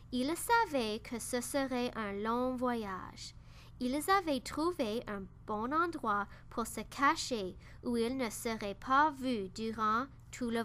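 A woman reading a children's story aloud, slow and careful. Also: a little high, bright, forceful tone. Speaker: narrator.

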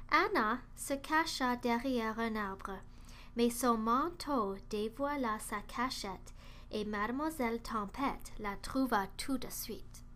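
A woman reading a children's storybook aloud, slowly, clearly and carefully. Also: fairly high pitch, a bit bright, a little hiss or hum. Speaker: narrator.

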